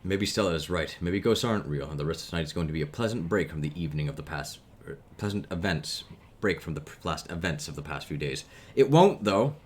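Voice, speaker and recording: A man's voice: sits low, expressive, fast talker, a little hiss or hum. A man streamer reading a visual novel aloud, with casual, profane asides between the narration.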